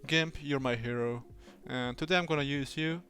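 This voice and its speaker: A man livestreaming his design work in a fake British accent, rambling playfully to himself and his software. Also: mid-range voice, normal speed, soft background music. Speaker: streamer. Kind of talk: livestream self-talk while doing design work.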